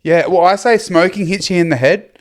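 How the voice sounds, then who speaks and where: Aussie man, podcast co-host, wry and relaxed, fairly high smooth voice. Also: fairly quick. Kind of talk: casual chat.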